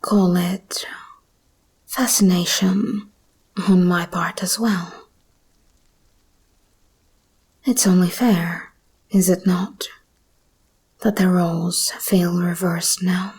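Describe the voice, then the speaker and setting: A woman whispers breathily as a seductive and threatening hybrid monster woman in ASMR roleplay, teasing slowly and deliberately. Her fairly low voice stays steady with a darkish tone, and the performance is heavily acted.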